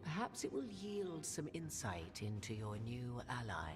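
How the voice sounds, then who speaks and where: Grave, deep-voiced adviser. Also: female voice, very animated, exaggerated voice. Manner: grave, measured, commanding. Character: solemn commanding woman advising the Inquisitor. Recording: game audio with music underneath.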